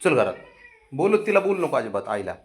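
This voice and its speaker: A man's voice: mid-range voice, big pitch swings, a little fast, a little hiss or hum. A man at home coaxing and teasing his pet cat in playful baby talk. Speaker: cat owner.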